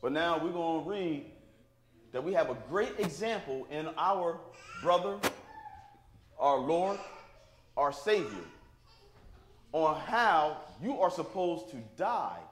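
A man's voice: on the high side, lively intonation, takes it slowly, long pauses. A man preaching a sermon to his congregation, talking plainly and informally and checking in with "right?" after his points. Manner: call-and-response, asks the congregation "right?"; plain-spoken, informal grammar. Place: church sanctuary. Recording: echoey church room.

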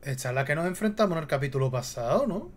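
A man with a Spain Spanish accent giving jumpy, excitable let's play commentary while he plays. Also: a little high, quick pace, slight background noise. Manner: jumpy, excitable, talks to himself. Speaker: gaming host.

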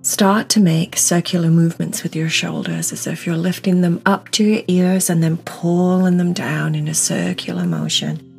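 A meditation guide with a fairly low, gravelly, darkish voice leads a session at a normal pace, soothing and encouraging as she instructs. She stresses words by repeating them, with music in the background.

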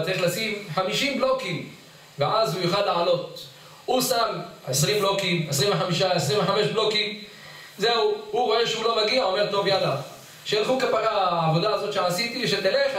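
A man's voice: sits high, fairly bright tone. A middle-aged rabbi giving a sermon-style Torah lesson, telling stories and acting out the pleas he quotes. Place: study hall. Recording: echoey hall, voice far from the mic.

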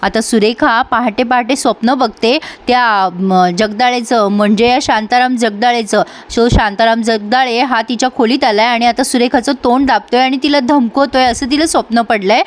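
A woman's voice: a little high, fairly even intonation, moderate pace, hardly any pauses. A woman reviewer recapping a serial episode in a chatty storytelling manner, addressing viewers directly.

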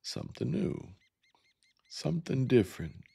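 A gravel-voiced man voicing a bossy, boastful older boy in a storybook reading. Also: medium pitch, very animated, measured pace, warm tone, voice pushed up, heavily acted. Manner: bossy, hollering.

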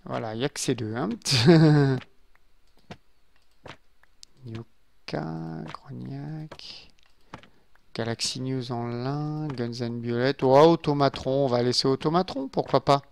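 A man's voice: mid-range voice, normal speed, hardly any pauses, darkish tone, slight background noise. A man giving casual let's-play commentary from his home computer, chatting and muttering asides to his viewers as he builds. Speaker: gaming YouTuber. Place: home room with a glass desk.

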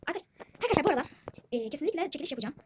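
Fast-talking high-voiced female gamer. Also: sing-song. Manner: chatty, addresses viewers constantly. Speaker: gaming channel host. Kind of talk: casual gameplay commentary. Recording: noisy background with siblings chattering. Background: siblings talking in the background.

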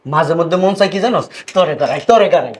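A man playing a greedy father-in-law, fast scolding, village comedy drama. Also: a little high, lively intonation, close to an everyday voice. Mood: nagging. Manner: scolding, mocking, rapid. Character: greedy bossy middle-aged father-in-law.

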